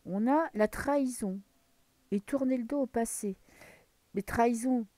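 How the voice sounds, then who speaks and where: A woman's voice: fairly high pitch, measured pace, mellow, dry recording. A woman from France giving a casual tarot reading to camera, thinking aloud as she draws cards and sometimes dropping to a whisper. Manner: muses aloud while drawing cards, drops into whispers. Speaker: tarot card reader.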